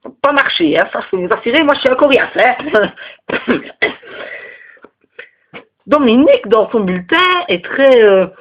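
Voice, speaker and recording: A man's voice: lively intonation, a little slow, long pauses, muffled recording, exaggerated voice. A man playing a crude, huffy Belgian teacher. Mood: indignant. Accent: Belgian French. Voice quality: rambling, vulgar, swings to high indignant outbursts. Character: crude, touchy male teacher, single, lives with parents. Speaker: teacher at a parents' meeting. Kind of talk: comedic sketch monologue.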